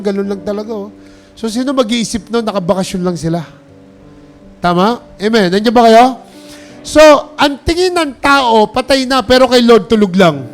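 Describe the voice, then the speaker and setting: Pastor guy with a high voice preaching, keeps asking the crowd amen, soft music under it. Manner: preaching with call-and-response, urging applause; mixes English phrases into his talk. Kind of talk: sermon.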